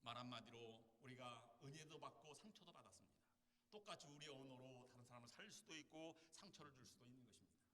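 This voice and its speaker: A man's voice: mid-range voice, fast talker, pushed and bright, a little hiss or hum. A man preaching a sermon to his congregation, earnest and full of rhetorical questions. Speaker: pastor. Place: church sanctuary. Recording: echoey hall with long reverb.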